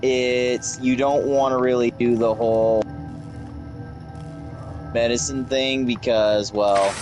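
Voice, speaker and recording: A man's voice: mid-range voice, fairly even intonation, takes it slowly, music in the background. A man chatting casually with a friend while playing video games.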